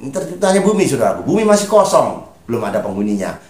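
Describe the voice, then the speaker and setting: A man preaching religious advice in a lively, emphatic way, often calling his listeners brothers. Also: mid-range voice, fast, roomy sound. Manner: preachy, repeatedly addressing listeners as brothers, rising emphatic calls. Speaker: spiritual advisor on Javanese birth days.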